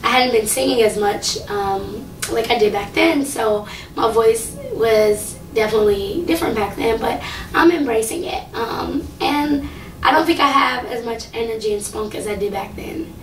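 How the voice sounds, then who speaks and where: A young woman, a singing contestant, rambles through a casual, filler-heavy talk to camera at normal speed. Her voice is pitched fairly high for a woman, yet it has a low, slightly raspy quality. She was recorded from a distant mic in an echoey room, with a little hiss or hum.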